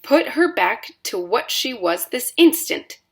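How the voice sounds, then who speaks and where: A frantic mother shrieks in a high, piercing voice, her words jumping all over the place as she panics. A woman reading a storybook acts her out. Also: very animated, measured pace. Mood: panicked. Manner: high shrill screaming.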